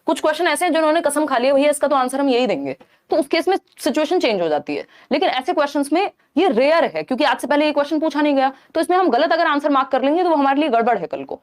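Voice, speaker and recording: A woman's voice: high-pitched, expressive, rapid-fire, few pauses. A woman teacher running a live online exam-prep class, explaining step by step, slipping in English terms and often checking that listeners are following.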